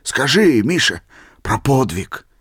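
A man's voice: mid-range voice, huge pitch swings, unhurried, husky, dry recording, clean studio sound, heavily acted. A man voicing an ecstatic old man who cries out in rapture over a holy fool. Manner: exclaiming, shouting in rapture.

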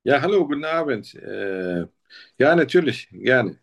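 In a role-played doctor-patient practice session, a man acting as the simulated patient speaks hesitantly and gropes for words. His medium-pitched voice swings widely in pitch, moves at a measured pace, and carries vocal fry.

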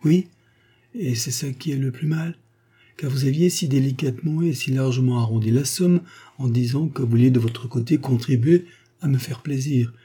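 A man's voice: medium pitch, moderate pace, warm tone, slightly rough, voice pushed up, natural voice. Man doing a tearful, coaxing young woman. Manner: pleading, tearful whine.

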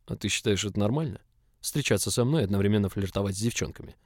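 A man's voice: fairly low pitch, fast, a little mellow, no echo, studio quality. A man reading a smug, mocking young boss in an audiobook. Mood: cold. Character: confident, teasing young male boss. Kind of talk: audiobook character voice.

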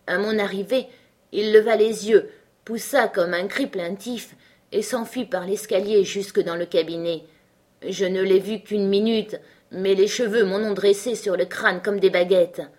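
A woman's voice: medium pitch, a little mellow, natural voice. A woman reading a frightened old male butler. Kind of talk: audiobook character reading.

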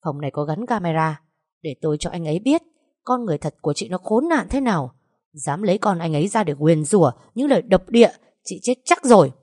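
A woman's voice: lowish voice, expressive, brisk, darkish tone, dry recording, clean studio sound. A woman voicing a furious, grieving young wife. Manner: indignant, accusing.

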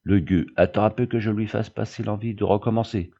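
A furious, gruff peasant farmer hurls rough country scolding, as a man reading the tale puts him on. The voice stays low and dark, and it comes through a muffled, lo-fi recording, like a storybook read aloud. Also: steady tone, a little fast.

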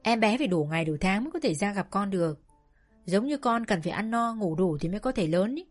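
A woman's voice: medium pitch, lively intonation, fast talker, faint music behind, natural voice. A woman voicing a busy mother who explains patiently and scolds firmly. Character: busy mother favoring the baby.

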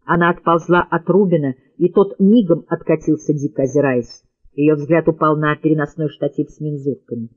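A man's voice: fairly high pitch, fairly even intonation, normal speed, muffled recording. A man narrating an audiobook in a tense, dramatic reading style. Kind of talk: scripted narration.

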